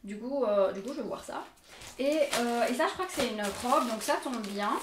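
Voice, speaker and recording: A woman's voice: on the high side, lively intonation, moderate pace, background noise. Belgian woman, young, talkative and self-deprecating vlogger; roomy echo, a step from the mic. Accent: Belgian French. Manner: chatty, self-mocking, laughs often. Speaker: fashion vlogger. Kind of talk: casual try-on haul chat. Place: bedroom with mirror. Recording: echoey room, mic at a distance.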